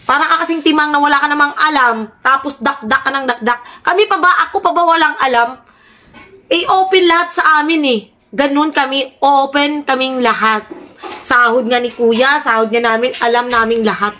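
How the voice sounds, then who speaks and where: A woman vlogger with a high, bright voice rants to her followers in heated commentary. She sounds indignant and keeps asking her audience to back her up. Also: normal speed, a little hiss or hum. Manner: ranting, indignant, repeatedly asks "di ba?". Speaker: vlogger addressing her viewers.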